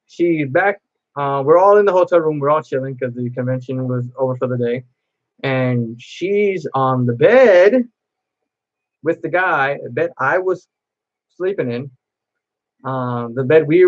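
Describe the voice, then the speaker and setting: Guy vlogging a story, slow and rambly, lots of restarts, kinda dull lo-fi sound. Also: medium pitch. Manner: rambling and repetitive, with many restarts. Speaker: cosplay vlogger. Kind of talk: casual storytelling to camera.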